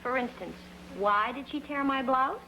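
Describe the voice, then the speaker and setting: An actress playing a melodramatic, self-admiring young college student who talks in theatrical, exaggerated alarm, in 1950s sitcom style. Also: female voice, high voice, normal speed, muffled recording, slight background noise. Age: young adult. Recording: old TV soundtrack, studio audience laughter.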